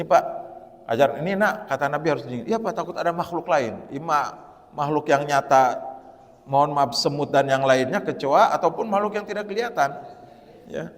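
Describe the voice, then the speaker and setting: A man preaching a sermon in a mosque, lively and addressing the congregation directly. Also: fairly high pitch. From West Java. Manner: animated, addresses the audience as "Pak" and quotes people in direct speech. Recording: long reverb of a mosque hall.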